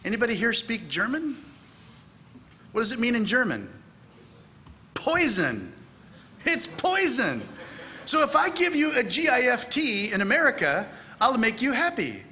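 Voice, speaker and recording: With a very high voice, normal speed and long pauses, a middle-aged man addresses a church audience from the pulpit of a large hall, over slight background noise. Animated, he raises his voice to act out dialogue as a church conference speaker.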